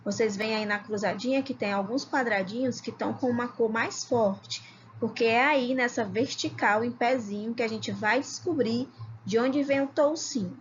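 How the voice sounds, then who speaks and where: Woman teacher sounding out words slowly. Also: a little high, dull audio, a little hiss or hum. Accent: Brazilian Portuguese, Ceará. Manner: slow, syllable-by-syllable reading, calls herself "tia". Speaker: primary school teacher. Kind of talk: recorded video lesson for young children.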